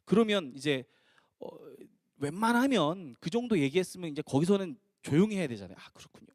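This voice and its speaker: A male pastor preaching at a youth prayer meeting, telling the story in an animated way and acting out the scripture. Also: sits high, fairly quick, no room sound, studio quality.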